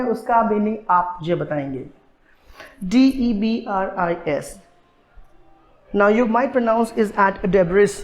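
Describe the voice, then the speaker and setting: Indian male tutor, unhurried and deliberate, echoey room sound. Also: high voice. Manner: switches between Hindi and English, slow and deliberate on English words. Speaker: English pronunciation teacher. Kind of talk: online pronunciation lesson. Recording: roomy echo.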